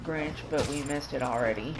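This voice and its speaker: A woman's voice: sits low, moderate pace, noisy background. A young woman chatting casually and teasing her partner as he plays a game. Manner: teasing, playful. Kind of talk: casual chat while watching a game.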